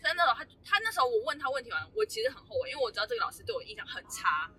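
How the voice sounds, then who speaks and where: A young woman hosts a relaxed chat among friends, telling a story in a bright, quick voice that keeps stammering. She is close to tears at times. She sits a little back from the mic, with a faint hiss behind her. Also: sits high, slightly rough, far from the mic, low-quality recording. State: crying at times. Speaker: podcast host.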